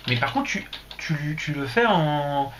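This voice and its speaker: A man's voice: a little high, expressive, measured pace, a bit bright, a little hiss or hum. A man hosting a casual livestream, rambling and joking crudely, talking into a computer mic. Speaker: livestream host.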